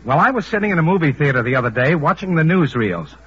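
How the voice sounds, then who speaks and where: A man's voice: a little high, very animated, quick pace, fairly bright tone. A man delivering a scripted introduction as a sidekick on a 1930s radio show. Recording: muffled old radio broadcast.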